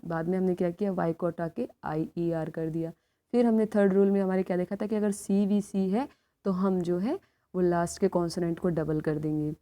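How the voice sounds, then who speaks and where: A woman teacher explaining a grammar lesson, asking questions and answering them herself, reading rules out slowly. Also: lowish voice, dark tone. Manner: asks questions and answers them herself, calls students beta; reads rules slowly and clearly. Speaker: school teacher. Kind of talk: classroom grammar lesson in Hindi-English mix.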